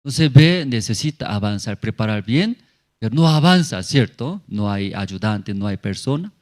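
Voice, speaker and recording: In a church in La Paz, a male pastor with a lowish, darkish voice delivers a sermon testimony at normal speed, speaking expressively in simple, broken phrases and frequently checking in with tag questions.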